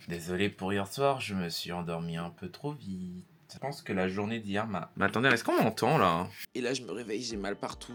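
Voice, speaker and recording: Chatty, excitable young man vlogging. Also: fairly low pitch. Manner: chatty and excitable, swears casually. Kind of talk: casual vlog chat. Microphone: handheld microphone.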